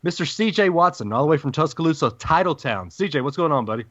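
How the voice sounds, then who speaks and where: Higher-voiced man with a deep Southern accent. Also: lively intonation, fast talker, no room sound, muffled recording. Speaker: sports podcast host. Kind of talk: casual sports talk.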